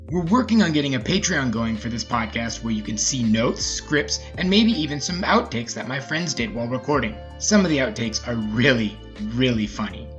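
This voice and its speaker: The audio is dull, carrying a man's mid-range, somewhat bright voice as he hosts a story podcast. Relaxed and informal, he narrates stories and adds laid-back, chatty remarks.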